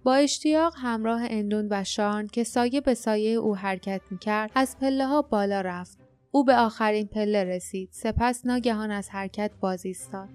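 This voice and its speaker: A woman narrating an audiobook in a steady, measured reading voice. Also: medium pitch, no room sound, faint music behind.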